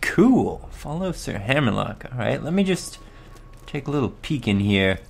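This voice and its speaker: A man's voice: mid-range voice, big pitch swings, normal speed, creaky. A man giving casual, sweary gameplay commentary, chuckling and talking to himself as he plays. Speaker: let's play gamer.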